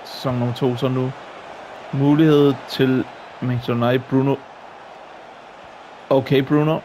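A man giving excitable, exclamation-filled commentary while he plays a football video game. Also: medium pitch, slight background noise. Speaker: gaming YouTuber.

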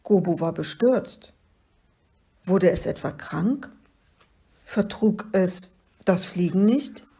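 A woman reading a children's story aloud in a calm, expressive way. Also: fairly low pitch, takes it slowly, pauses often, breathy edge. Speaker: reader.

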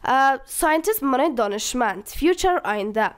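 A woman teaching English vocabulary. She reads each English sentence slowly and then explains the words one by one. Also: high-pitched, expressive, smooth. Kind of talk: bilingual vocabulary lesson.

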